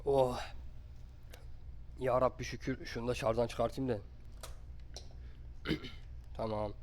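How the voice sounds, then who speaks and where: A young man commenting while he plays a horror game, swearing constantly and jumping to loud outbursts when scared. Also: medium pitch, fairly even intonation, takes it slowly. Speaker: gaming streamer.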